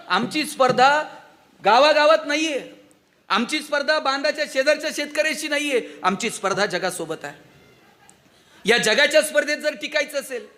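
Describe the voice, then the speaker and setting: A man addressing students in a motivational speech, with a high, bright and forceful voice. He keeps firing rhetorical questions at the audience. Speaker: motivational speaker.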